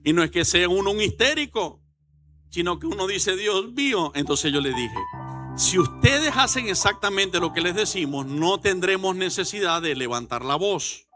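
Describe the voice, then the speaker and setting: A middle-aged Venezuelan man preaching a sermon as pastor, telling stories with animated, acted-out quotes. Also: high voice, moderate pace, over music. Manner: animated storytelling, acts out shouted quotes. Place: church.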